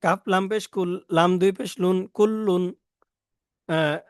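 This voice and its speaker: High-voiced Bangladeshi man drilling Arabic letters. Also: fairly even intonation, clean tone, no echo, studio quality. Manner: slow, repetitive drilling. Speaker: Quran recitation teacher. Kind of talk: spelling out Arabic letters and vowel marks to teach tajweed.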